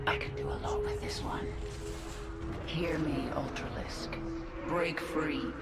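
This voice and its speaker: Low, echoing ruthless swarm queen. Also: slow. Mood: determined, commanding. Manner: commanding, menacing. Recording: echoing game voice under loud music.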